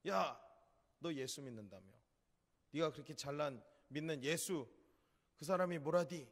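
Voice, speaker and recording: A man voicing a belligerent drunk middle-aged man who taunts and shouts. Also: fairly high pitch, normal speed, big-room sound. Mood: taunting.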